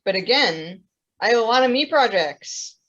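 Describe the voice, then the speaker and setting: A woman's voice: a little high, expressive, normal speed, a bit bright. A young woman chatting casually on a podcast, rambling with plenty of fillers. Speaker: podcast co-host. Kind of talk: casual chat. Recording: dull lo-fi audio.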